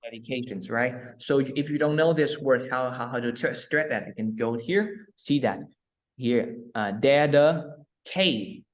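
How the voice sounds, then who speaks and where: Patient male pronunciation tutor. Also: medium pitch. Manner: patient, repeats words slowly for the student. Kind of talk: one-on-one online lesson. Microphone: video call.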